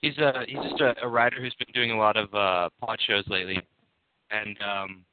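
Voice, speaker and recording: A man's voice: on the low side, fairly even intonation, moderate pace, smooth, dry recording. A man calling in over a phone line, talking hesitantly with many fillers. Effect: heard over a phone line. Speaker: caller. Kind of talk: casual chat. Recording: narrow phone-line sound, dry.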